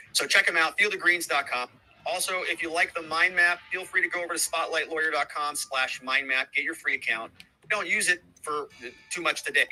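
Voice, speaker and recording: A man's voice: on the high side, sharp tone, rough recording. A middle-aged man hosting a livestream, chatting casually and thanking viewers by name between asides. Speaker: livestream host.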